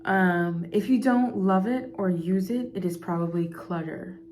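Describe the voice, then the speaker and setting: A woman's voice: mid-range voice, a little slow, darkish tone, faint music behind. A woman giving a casual spiritual card reading, meandering and repeating words as she goes. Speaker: intuitive card reader.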